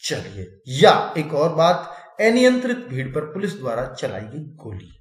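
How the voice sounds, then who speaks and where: A man's voice: on the high side, huge pitch swings, normal speed, echoey room. A man teaching an exam-prep lecture in a chatty classroom style, often checking in with his students. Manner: chatty, repeats "ठीक है" often.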